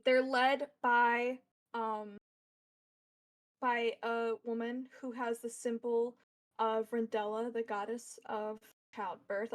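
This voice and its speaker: A woman running a tabletop role-playing session on a live stream, her voice sitting a bit high. She narrates loosely, with plenty of fillers and off-hand asides. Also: low-quality recording. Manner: rambling, full of fillers and asides. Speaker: game master.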